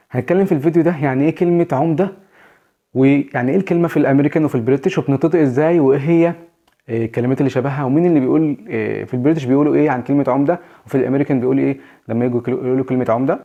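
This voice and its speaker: A man's voice: medium pitch, dark tone, highs cut off. A man with an Egyptian Arabic accent hosting a casual video lesson, chatty and repeating his points as he explains. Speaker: English teacher and channel host.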